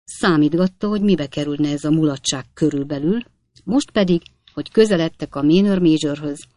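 A woman reads a classic novel aloud in a calm, even storytelling manner. Her voice is low and the recording is close and dry, with no room sound. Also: no echo. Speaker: audiobook narrator. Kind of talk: scripted narration.

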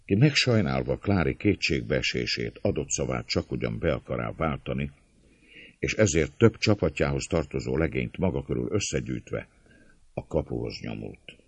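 A man narrating a classic novel as an audiobook, measured and storytelling. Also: a bass voice, expressive, creaky, slightly rough, no room sound.

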